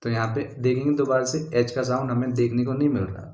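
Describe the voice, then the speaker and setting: Man, teacher, patient slow explaining, mid-pitched voice, echoey room. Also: level tone, darkish tone. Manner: slow, patient explaining, reads example sentences word by word. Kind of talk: grammar lesson.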